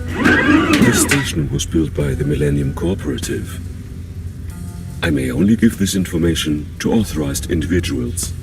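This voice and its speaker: An actor playing a calm male station guardian computer that speaks in flat, formal, repetitive machine announcements for a video game. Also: very deep voice, moderate pace, creaky, full character voice. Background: game music.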